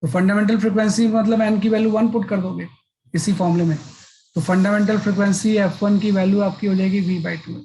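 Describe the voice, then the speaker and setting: A man's voice: high voice, steady tone, brisk, dark tone, low-quality recording. Man, physics teacher, classroom lecture, explains step by step, frequent check-ins. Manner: explains step by step, repeats filler "है ना".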